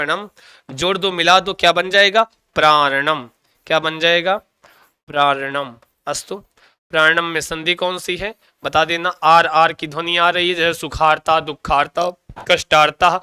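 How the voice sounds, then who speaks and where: Guy teaching sanskrit grammar for exams, high clear voice, keeps asking then answering his own questions. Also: bright, forceful tone, dry recording. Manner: calls students "bhaiya" and "ji". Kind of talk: exam coaching lecture.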